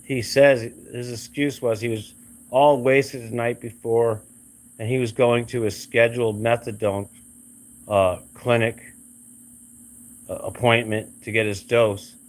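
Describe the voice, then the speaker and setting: A man's voice: medium pitch, level tone, unhurried. A man talking in a blunt, rambling, repetitive way in a casual vlog rant, recorded outdoors by a road. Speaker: realtor vlogger.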